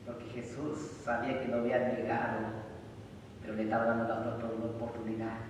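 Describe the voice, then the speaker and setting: A man preaching a sermon and reading scripture, rising loudly for emphasis. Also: mid-range voice, monotone, a little fast, highs cut off. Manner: emphatic, loud rises when reading scripture. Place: church sanctuary. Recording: echoey hall from far off, noisy.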